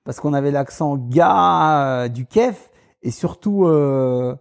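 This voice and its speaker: A man's voice: on the high side, slow pace, creaky. A man of Tunisian family raised in France, talking casually in an interview with many hesitations and restarts. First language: Tunisian Arabic. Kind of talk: casual conversation.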